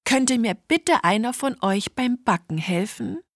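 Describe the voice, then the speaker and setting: A woman voicing a tireless, overworked little female red hen in a storybook reading, with a high, eager voice. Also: lively intonation, a little slow, no room sound, studio quality. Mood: weary.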